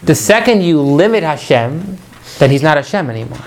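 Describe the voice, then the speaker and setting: A man teaching a Torah class to students, animated, asking rhetorical questions and mixing in Hebrew prayer phrases. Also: fairly high pitch, moderate pace. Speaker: religious teacher.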